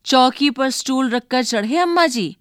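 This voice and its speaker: A woman voicing a stubborn, tearful little girl who tattles, in a shrill, pleading voice for a storybook reading. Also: expressive, a little slow, no room sound, studio quality. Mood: excited, anxious.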